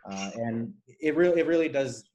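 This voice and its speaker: With lively intonation and a moderate pace, a Nicaraguan engineer whose first language is Spanish offers earnest explanations as an interview guest in a conversational setting. His mid-range voice has a slightly mellow quality.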